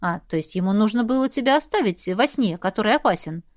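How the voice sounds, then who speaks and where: A woman's voice: mid-range voice, lively intonation, fast talker, no room sound, studio quality, natural voice. A woman voicing a young werewolf woman who playfully teases her friend. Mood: teasing. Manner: playful, prodding, amused.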